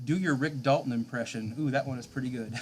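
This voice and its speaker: A man's voice: medium pitch, moderate pace, a little mellow, slight background noise. A man in his thirties, a game streamer, chatting casually with his viewers late at night, chuckling often as he answers chat.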